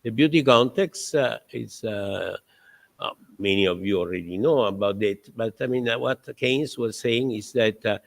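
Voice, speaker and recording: An older man introduces a guest lecturer, speaking haltingly with many filler pauses and chuckling through his anecdotes. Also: fairly low pitch, creaky.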